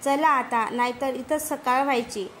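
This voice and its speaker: A woman voicing a calm, mysterious rural village woman who speaks in rustic dialect, self-assured and coaxing, as part of a storybook reading. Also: high-pitched, moderate pace, a little hiss or hum.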